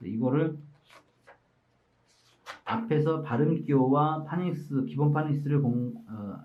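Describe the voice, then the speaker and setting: A man teaching from his workbook, patiently explaining step by step and sometimes reading sounds out slowly. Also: mid-range voice. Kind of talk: explanatory lesson walkthrough. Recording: slightly muffled lo-fi audio.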